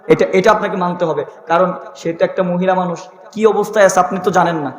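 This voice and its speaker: A high-pitched man from Bangladesh preaches a sermon, sliding into a loud, drawn-out chanting cadence as he tells a story. His voice rings through a big echoing hall with a long tail of reverb, heard from a distance over a PA. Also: fairly even intonation. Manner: sing-song preaching that rises into loud sustained chanted lines; tells a story, voicing its people in quoted lines.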